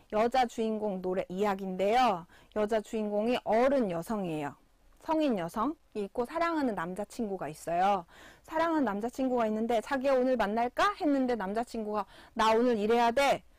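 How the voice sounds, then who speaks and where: A woman teaches an online middle school English class, her voice sitting a little high. She explains grammar through animated little stories and talks directly to the students. The sound is dry and close, with no room echo. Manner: animated storytelling, addresses students as kids; sings example sentences slowly. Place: school broadcast studio.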